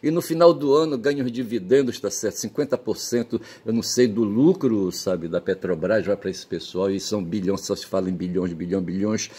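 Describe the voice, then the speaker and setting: A man's voice: lowish voice, brisk, hardly any pauses, dark tone, husky. A Brazilian man with a Brazilian Portuguese accent, holding a rambling solo monologue that keeps checking in with the listener, folksy, pedantic and blunt, with the odd swear word. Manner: keeps tagging phrases with "tá certo?" and "sabe?", pedantic and folksy. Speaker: channel host.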